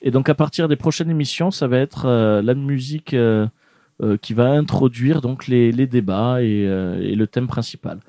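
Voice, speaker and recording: A man hosts a relaxed radio chat show from a studio, his voice warm and mellow. He talks loosely, full of fillers and false starts, and the sound is close and dry. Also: medium pitch, moderate pace, no echo. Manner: chatty, lots of fillers and restarts.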